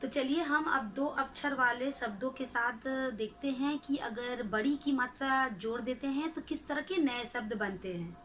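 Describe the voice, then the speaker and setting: Slow, bright-voiced woman teaching a class. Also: high-pitched, rough recording. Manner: slow, drawn-out syllables for pupils to repeat. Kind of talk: children's Hindi lesson.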